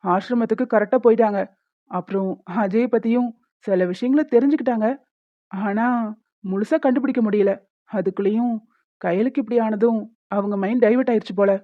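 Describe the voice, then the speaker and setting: A woman voicing a young cartoon husband who bickers and protests loudly. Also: a little high, fairly quick, pauses often, dry recording, natural voice. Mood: subdued. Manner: loud protesting outbursts. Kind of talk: Tamil cartoon dubbing. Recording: tinny phone-like, dry.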